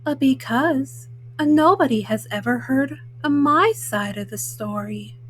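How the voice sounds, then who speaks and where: A woman voicing a folksy, self-justifying male wolf in a storybook, haltingly, with frequent uhs. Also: high-pitched, breathy edge. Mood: self-justifying, matter-of-fact. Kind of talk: storybook read-aloud in first person.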